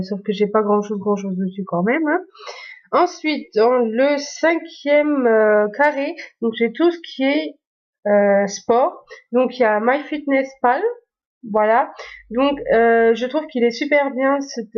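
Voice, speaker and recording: A woman talks casually to her viewers, stopping often to search for words. Her voice sits a little high. The recording is muffled and lo-fi. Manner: hesitant, many fillers and restarts. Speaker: YouTuber. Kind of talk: casual phone tour vlog.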